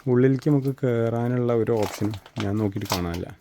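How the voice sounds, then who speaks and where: A man with a Kerala Malayalam accent talks casually to viewers as he leads a walking tour. His voice sits at an average male pitch, and he drops English slang words into his Malayalam. The recording is outdoors in the countryside, with noticeable noise behind him. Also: fast talker, warm tone. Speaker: vlogger giving a walking tour. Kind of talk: casual chatty walk-and-talk narration. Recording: outdoor rural recording with clear background noise.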